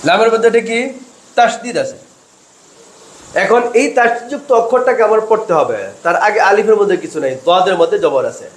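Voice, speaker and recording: Recorded in an echoey room, this high-voiced man teaches Quran reading as a slow, step-by-step spelling lesson, raising questions and supplying the answers on his own.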